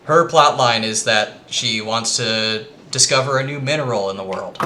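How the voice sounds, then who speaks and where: A man's voice: medium pitch, normal speed, slight background noise. A man giving a casual, rambling presentation to friends, with lots of ums. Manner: rambling with frequent ums, quietly earnest.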